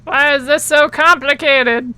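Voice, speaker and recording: A woman's voice: high-pitched, fairly even intonation, a little slow, pushed and bright, no room sound, rough recording. A woman livestreaming a video game with casual commentary and a cute, bubbly anime-streamer delivery.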